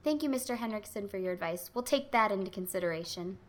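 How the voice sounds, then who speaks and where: A woman playing a level-headed, exasperated assistant detective in an old-style radio drama, brisk and earnest. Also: medium pitch, animated, lightly acted. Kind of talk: 1940s radio acting.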